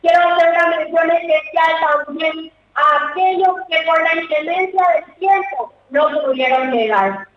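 A woman giving a formal, emphatic speech at a ceremony in a theater, heard from a distance. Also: sits high. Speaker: vice minister giving a speech. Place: theater auditorium. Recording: echoey hall, far from mic, dull.

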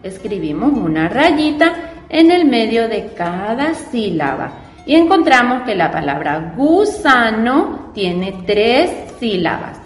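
A woman teacher walks young children through a spelling lesson, slowly and patiently, her voice rising and falling with lively, sing-song pitch. She sounds fairly high, and the recording sits in a roomy space with a long reverb and faint music underneath. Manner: patient, spells out syllables and asks the class questions.

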